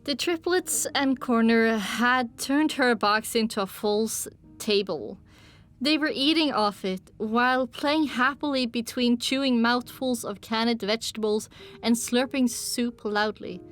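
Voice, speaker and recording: A woman reading a first-person audiobook in measured storytelling. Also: fairly high pitch, a bit bright, faint music behind. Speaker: audiobook narrator. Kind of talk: scripted first-person narration.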